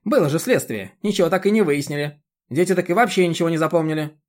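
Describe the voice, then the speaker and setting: A man reading an audiobook, voicing a short, stout, rude elderly village chairwoman who scolds and yells. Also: fast talker, close to an everyday voice. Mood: hostile. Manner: shrill scolding, yelling.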